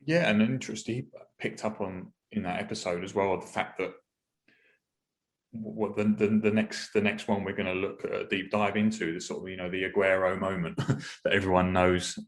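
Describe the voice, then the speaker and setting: A man's voice: low voice, little pitch movement, moderate pace. A man co-hosting a football podcast, talking in a thoughtful, hedging way. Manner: thoughtful, hedging, laughs easily. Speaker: podcast co-host. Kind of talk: casual podcast chat.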